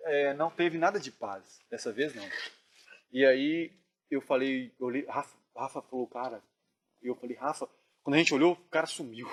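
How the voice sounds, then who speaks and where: A man earnestly retelling a dream in casual storytelling, often dropping his voice to a hush. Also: medium pitch, normal speed. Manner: earnest, drops to hushed tones when reliving tense moments. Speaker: dream narrator.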